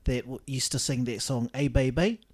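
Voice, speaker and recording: A man's voice: mid-range voice, normal speed, a little mellow. A man with a Kiwi accent chatting casually as a podcast co-host in an agreeable, easygoing way. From New Zealand. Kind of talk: casual chat.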